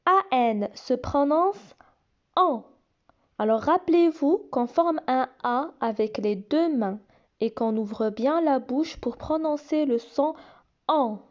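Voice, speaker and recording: A woman teaching young children to read, sounding out each syllable slowly and repeating it. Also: high voice, expressive, highs cut off. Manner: slow, deliberate, repeats and stretches each sound. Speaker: reading teacher. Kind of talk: slow phonics lesson for young children.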